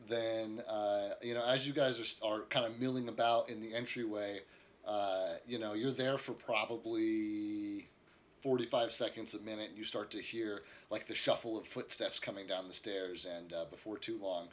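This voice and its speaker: A man's voice: fairly low pitch, steady tone, normal speed. A man running a tabletop game as game master, narrating loosely with lots of fillers from an air-conditioned room. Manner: loose and rambling, many fillers.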